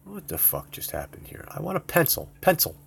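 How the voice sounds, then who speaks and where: A man's voice: fairly high pitch, fairly quick, vocal fry, a little hiss or hum. A man rambling and swearing casually as he shares his computer screen in a home video. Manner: rambling, profane, excitable. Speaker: video host.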